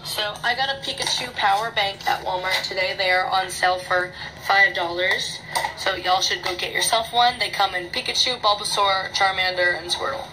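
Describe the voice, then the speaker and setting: A woman chatting casually through an unboxing vlog in her small bedroom, excitable and rambling, recorded on a phone camera. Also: mid-range voice, normal speed, background noise. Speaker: vlogger.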